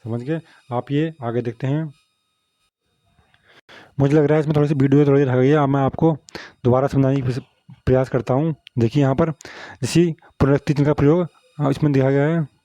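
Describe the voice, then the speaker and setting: Flat-voiced male grammar teacher. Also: medium pitch, brisk, pauses often, no room sound, dull audio. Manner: repetitive, asks "samjhe?" often. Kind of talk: explaining Hindi grammar lesson.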